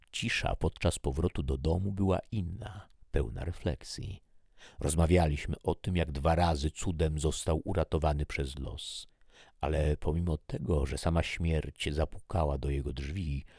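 A man narrating a first-person story in a measured, reflective way. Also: very deep voice, darkish tone, husky, no room sound, clean studio sound.

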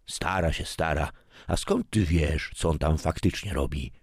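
A stubborn old grandfather from a read-aloud story grumbles in a gruff, very deep voice, as a male narrator puts him on. He speaks slowly and complains about everything. The sound is dry and close. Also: no room sound, heavily acted. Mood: grumbling.

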